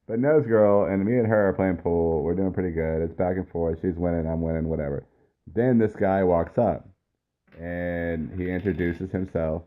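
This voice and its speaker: A young man with a very deep voice rambles through a story in casual, profane chat, laughing as he goes. The sound is thin and narrow, like a phone line. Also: steady tone, moderate pace. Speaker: podcast co-host.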